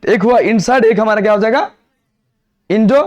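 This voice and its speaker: A man's voice: sits high, normal speed, highs cut off. A man teaching a biology class, lecturing in a mix of Hindi and English and quizzing students with repeated questions.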